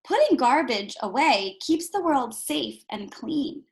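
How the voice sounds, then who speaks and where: Reading a picture book to young children the way a teacher would, this woman speaks in a high voice with vocal fry and takes her time. She's animated and instructive, adding explanatory asides and putting rhetorical questions to her little listeners.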